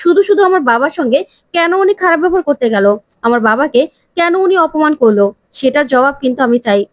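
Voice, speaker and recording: A woman's voice: sits high, lively intonation, quick pace, no echo. A woman voicing an indignant young daughter demanding answers.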